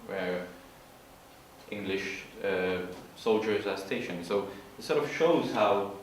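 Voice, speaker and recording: A man giving an informal literature presentation, explaining in a halting way and searching for his words. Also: on the low side. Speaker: student presenter. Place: large room at an evening school event. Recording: echoey hall from far off, faint noise.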